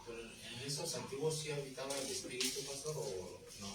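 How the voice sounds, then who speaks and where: A man's voice: mid-range voice, a little fast, music in the background. A man in a Bible class who asks the pastor follow-up questions. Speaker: student in the class. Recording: echoey room, far from the mic, others around.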